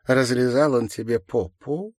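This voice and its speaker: A man reading an audiobook, voicing an excitable, breathless slight woman who sobs and cries out. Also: mid-range voice, unhurried, dry recording, studio quality, pitched above the performer's own voice, lightly acted. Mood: eager. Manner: eager, sobbing and crying out.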